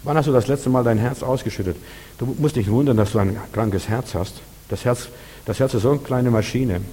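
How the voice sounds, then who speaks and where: A man's voice: medium pitch, brisk, dark tone, breathy edge, in a large hall. A man preaching a sermon in an earnest, repetitive way, speaking straight to his listeners.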